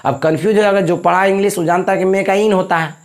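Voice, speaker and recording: A man with a high-pitched voice teaches a spoken English lesson, explaining in Hindi. He goes over each point several times and keeps checking that his students follow. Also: fairly even intonation, fast talker. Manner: repetitive, explaining with frequent check-ins.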